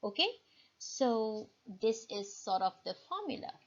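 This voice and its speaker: A woman teacher giving a recorded grammar lesson, slowly repeating key points and checking in with "okay?". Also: a little high, big pitch swings. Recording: dull lo-fi recording.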